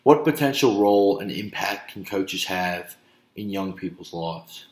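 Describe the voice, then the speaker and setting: An expressive young man with a lowish voice, working as an interviewer and coach, conducts a casual interview and frequently chimes in with quick affirmations. The audio comes from a laptop webcam in a small, echoing room, giving it a roomy quality.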